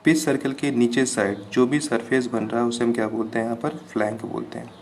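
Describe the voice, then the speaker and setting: A male engineering lecturer speaks a gravelly, creaky voice at an ordinary pitch. He teaches patiently, repeating each term and stopping to ask if everything is clear. A faint background hiss sits under the recording. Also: flat delivery, brisk. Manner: patient, repeats terms with "ठीक है, clear है" checks. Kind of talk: classroom lecture.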